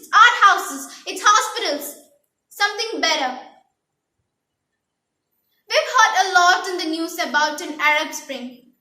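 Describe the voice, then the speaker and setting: A woman's voice: very high voice, bright, forceful tone. A teenage girl student declaiming a memorised speech with prim, precise, carefully enunciated elocution. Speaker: student contestant in a declamation contest. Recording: echoey room.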